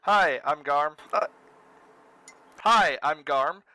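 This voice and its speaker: Voice-changer-processed player voice, bright and sharp, dry close sound, casual halting intro. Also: mid-range voice, no room sound, rough recording. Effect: voice changer altering the voice. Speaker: tabletop game player. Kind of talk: casual chat introducing a character.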